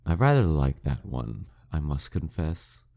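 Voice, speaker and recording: In an intimate scripted audio roleplay, a man voices a dead demon king, a proud, dominant former nemesis who taunts the listener. His bass voice is sing-song, creaky and a little mellow, heavily acted, as he speaks slowly in a mocking, teasing, condescending and smugly theatrical way.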